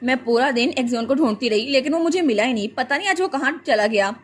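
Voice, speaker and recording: A woman's voice: high-pitched, expressive, quick pace. A woman voicing a cheerful little girl, the daughter of a noble house, in a comic story recap. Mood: sweet.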